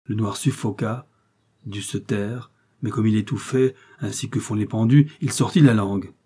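A man narrating a novel in a measured, dramatic manner. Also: on the low side, steady tone, mellow, husky. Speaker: audiobook narrator.

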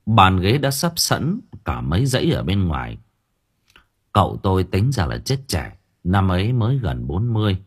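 Deep husky male storyteller. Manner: expressive, measured storytelling. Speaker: audiobook narrator. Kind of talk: first-person horror story narration.

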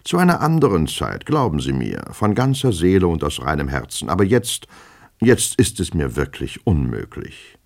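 A man's voice: a bass voice, big pitch swings, a little slow, creaky, exaggerated voice. A man reading an audiobook, voicing a smug, falsely friendly double who mocks with a familiar tone. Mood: mock sincere. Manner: mocking, mock-familiar.

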